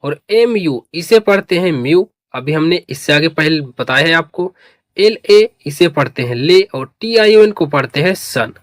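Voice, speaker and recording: A man's voice: a little high, expressive, unhurried, dry recording, studio quality. A man teaching English spelling, reading each word letter by letter, then asking his students to say it back. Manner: spells words letter by letter and asks students to repeat. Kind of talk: slow spelling lesson.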